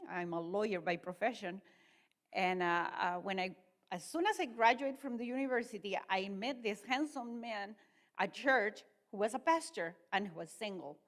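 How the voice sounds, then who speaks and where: A woman's voice: mid-range voice, a bit bright. Woman. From Chile. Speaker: guest speaker, ministry leader. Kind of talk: personal testimony.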